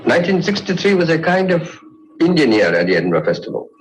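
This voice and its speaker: A man recalling past events in an interview, speaking thoughtfully and pausing to find his words. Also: fairly high pitch, sing-song, low-quality recording. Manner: thoughtful, searching for words, with pauses. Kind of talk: reminiscing interview.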